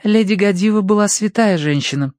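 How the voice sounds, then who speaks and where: A man reading an audiobook voices a composed young woman who reasons calmly and earnestly. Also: sits high, fast, no echo, studio quality, pitched above the performer's own voice. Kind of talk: audiobook character voice.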